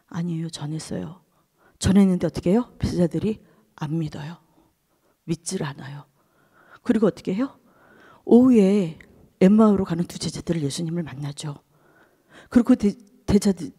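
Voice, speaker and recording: A woman pastor preaching at an early-morning service in a church sanctuary, posing question after question and sinking into a hushed whisper to make a point. Her voice is low, dark and somewhat husky, and it rings with a long reverb through the hall. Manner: asks the congregation rhetorical questions, drops to a whisper for emphasis. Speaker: associate pastor. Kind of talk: dawn service sermon.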